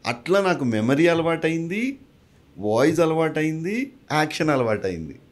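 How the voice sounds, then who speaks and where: A man who works as a mimicry artist and actor, answering interview questions in a lively way and mixing English phrases into his talk. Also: fairly high pitch, normal speed. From a village. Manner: animated, mixes English into his speech.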